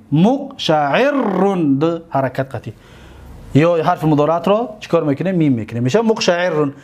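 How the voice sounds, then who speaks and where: A man with a Tajik accent teaching grammar, drawing out and repeating each word form slowly for his students. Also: high-pitched, a little mellow. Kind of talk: grammar lecture.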